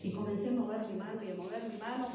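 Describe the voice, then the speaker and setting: A woman's voice: mid-range voice, fairly even intonation, racing, crowd noise. A middle-aged woman pastor preaching fervently, giving personal testimony with many rhetorical questions and repetitions. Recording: very echoey church hall, distant mic.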